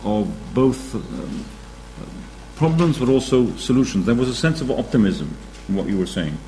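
A man's voice: medium pitch, animated, dark tone, a little hiss or hum, rough recording. A man chairing an evening lecture, moderating questions and thanking the speaker. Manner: brisk, directing the room. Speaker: event chair.

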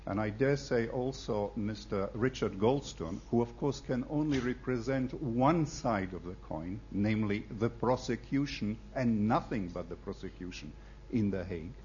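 A man from the audience making a forceful, argumentative point at a public debate. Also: lowish voice, moderate pace, dull audio, slight background noise. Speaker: audience member asking a question. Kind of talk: public debate floor question.

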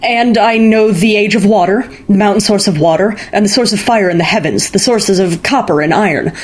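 A woman's voice: mid-range voice, fairly quick, pitched above the performer's own voice, lightly acted. Woman doing a boastful young charm singer. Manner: earnest, proud, raised.

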